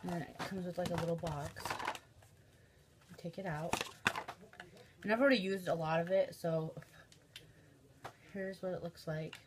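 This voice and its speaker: A woman's voice: fairly low pitch, steady tone, normal speed, pauses often, noisy background. A young woman with a Midwestern American accent and a stuffy, sniffly nose, chatting casually through a makeup tutorial with lots of ums and likes. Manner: chatty, filler-heavy, says um and like often. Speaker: beauty vlogger.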